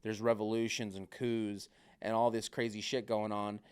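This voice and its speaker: A man's voice: fairly low pitch, little pitch movement, moderate pace, smooth. A man chatting casually on a podcast, rambling with lots of filler words and swearing, and acting out other people's remarks.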